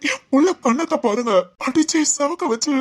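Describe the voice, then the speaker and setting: A woman voicing a middle-aged father in an animated family drama, speaking earnestly and with hurt. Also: high voice, normal speed, lightly acted. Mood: aggrieved. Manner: earnest, pleading.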